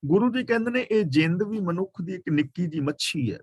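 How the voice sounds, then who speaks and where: Male preacher with a Punjabi accent, fairly high voice, slowly chanted verses then plain explanation, dry close recording. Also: animated, a little mellow, husky, no echo. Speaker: katha preacher. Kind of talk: scriptural exposition.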